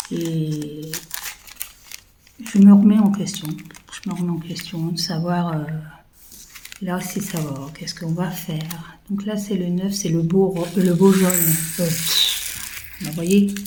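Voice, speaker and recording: A woman's voice: on the low side, mellow, slight background noise, low-quality recording. A woman in her fifties chatting casually to viewers while she works on a craft project, rambling with many fillers and muttering to herself. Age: 50s. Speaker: craft vlogger.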